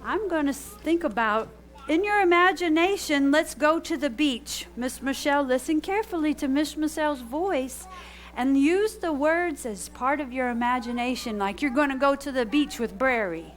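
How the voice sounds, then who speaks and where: A woman's voice: high voice, moderate pace. A woman hosting an interactive story time and sing-along for children, playfully exclaiming and echoing so they join in.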